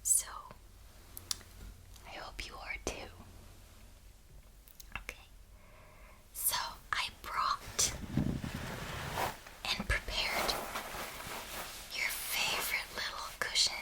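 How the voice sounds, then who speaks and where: A woman doing a whispered role-play as a doting caregiver at bedtime, speaking tenderly and reassuringly in a breathy whisper. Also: rough recording. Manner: slow, tender, reassuring personal attention. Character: doting, soothing caregiver tucking someone in at bedtime. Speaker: ASMR host playing a caring bedtime companion.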